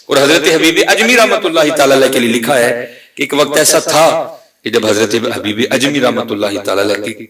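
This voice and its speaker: A male preacher giving an impassioned sermon, swinging from loud to hushed. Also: fairly low pitch. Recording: echoey hall from far off.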